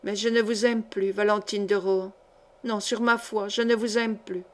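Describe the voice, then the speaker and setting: A woman's voice: medium pitch, flat delivery, normal speed, natural voice. A woman reading the part of an embittered, vengeful middle-aged nobleman in an audiobook, grave and brooding. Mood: anguished.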